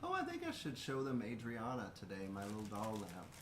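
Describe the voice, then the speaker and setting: A man's voice: on the low side, wildly swooping pitch, fairly quick, fairly bright tone. An American man co-hosting a casual livestream, speaking hesitantly and repeating himself. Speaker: co-host. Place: indoor room. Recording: roomy echo, faint background noise.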